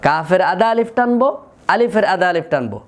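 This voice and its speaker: A man's voice: high voice, very animated, quick pace. A man teaching Quran letter pronunciation, patiently repeating each sound to demonstrate. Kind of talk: slow, deliberate lesson with repeated sample sounds.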